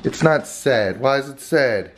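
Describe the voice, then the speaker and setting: A middle-aged father scolds and swears his way through a casual family vlog. His voice is middle-pitched and rises and falls a lot. He is blunt and coarse in the way he talks. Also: lively intonation, measured pace, slight background noise.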